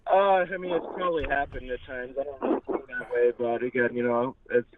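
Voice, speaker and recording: A man's voice: medium pitch, brisk, a loud crowd. A man bragging about his lifestyle as a guest, heard over the phone. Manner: boastful, smooth self-promotion. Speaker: guest on a call-in show. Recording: narrow tinny phone line.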